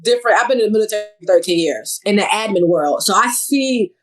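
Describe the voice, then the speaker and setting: A woman in her thirties, a podcast guest chatting casually in a relaxed way and laughing easily. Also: medium pitch, fast, low-quality recording. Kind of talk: casual chat.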